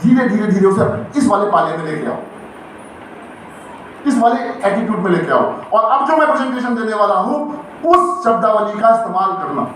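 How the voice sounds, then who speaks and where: In a high-pitched, fairly bright voice, a middle-aged man runs a motivational seminar on direct selling, trading call-and-response questions with an audience in an indoor event hall. He's emphatic and rousing. The recording is very echoey and faintly noisy, captured from a distant mic.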